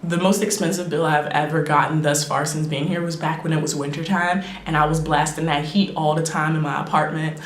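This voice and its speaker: A young woman in her twenties, an English teacher, chatting casually to her camera vlog with lots of fillers and quick laughs. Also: sits low, little pitch movement. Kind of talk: casual talking-head vlog. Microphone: camera microphone. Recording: echoey room with faint noise.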